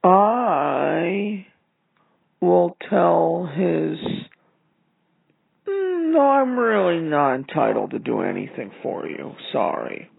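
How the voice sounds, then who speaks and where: A man acting an evasive, oddball hospital doctor with a croaky voice, leaving a voicemail in an audio drama. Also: on the high side, very animated, very slow, dry recording, full character voice. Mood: apologetic, evasive. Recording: tinny phone-like voicemail.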